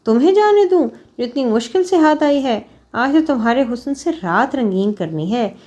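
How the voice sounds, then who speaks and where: This is a vengeful young male villain in an audio novel, voiced by a woman narrator. He sneers and threatens, with a raised, forceful pitch. The tone stays cruel and mocking. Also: lively intonation, highs cut off. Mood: taunting, menacing.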